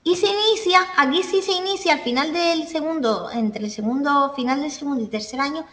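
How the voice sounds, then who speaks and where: A woman gives a classroom lecture in a high voice, walking through points with examples and pausing to check her listeners follow. The sound is roomy with a long reverb tail. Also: fairly bright tone. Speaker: teacher. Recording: echoey room, voice from a distance.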